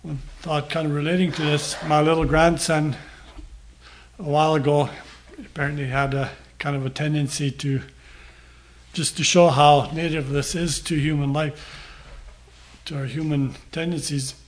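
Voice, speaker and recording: An older man delivers a sermon with a fairly high-pitched voice. He reads scripture slowly and deliberately, then talks it through in a plain, unhurried way with pauses between phrases. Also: level tone. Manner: slow, measured reading with pauses. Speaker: preacher.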